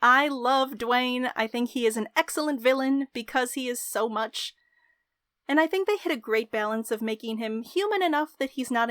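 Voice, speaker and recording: Dry-recorded, higher-voiced young woman reviewer. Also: no room sound. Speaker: video essayist, game reviewer. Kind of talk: scripted review narration.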